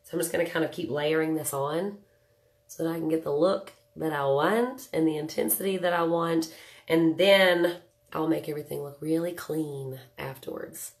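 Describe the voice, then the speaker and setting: This thirties woman has a low, lilting voice, stuffy-nosed and nasal from a cold, and talks at a moderate pace. As a chatty webcam host running a casual live makeup tutorial from a small room in her home, she jokes around and greets viewers by name.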